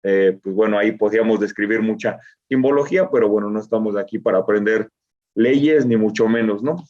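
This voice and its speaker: A man teaching a bible lesson as a preacher. He explains step by step, asks rhetorical questions and reads verses slowly. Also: lowish voice, a little mellow, muffled recording.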